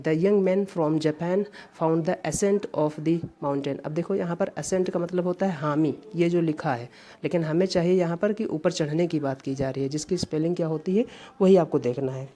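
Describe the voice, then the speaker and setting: A woman from India, whose voice is deep and dark, tackles English grammar exam questions in turn. She reads out every sample sentence with slow deliberation.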